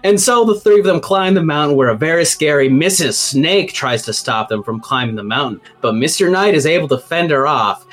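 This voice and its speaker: A man's voice: fairly high pitch, animated, brisk, few pauses, fairly bright tone. A man acting as game master, narrating a tabletop game story and voicing its characters in quotes.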